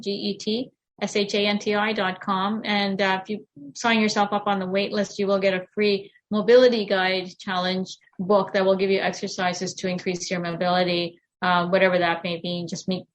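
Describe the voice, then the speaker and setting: A middle-aged woman talks as a podcast guest on wellness, earnest and encouraging. She rambles a little, restarting her sentences as she goes, in a steady mid-range voice. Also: mid-range voice. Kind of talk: podcast interview conversation.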